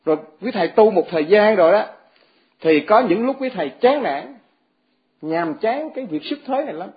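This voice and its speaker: A man's voice: sits high, animated, moderate pace, dull audio. A man, a Buddhist monk giving an earnest sermon to fellow monks and asking them rhetorical questions.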